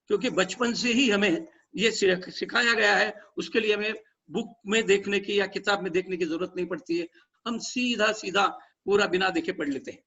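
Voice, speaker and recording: A man's voice: high voice, creaky, bright, forceful tone, breathy edge, dull audio. A man giving a religious lesson, patiently explaining prayer pronunciation, repeating himself and chanting short prayer phrases. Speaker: religious teacher.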